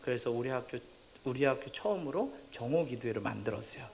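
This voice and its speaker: Lively storytelling male pastor. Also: medium pitch, fast, gravelly, a little hiss or hum. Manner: lively storytelling, acts out dialogue; humorous, laughs at own stories. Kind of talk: sermon with personal testimony. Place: church sanctuary.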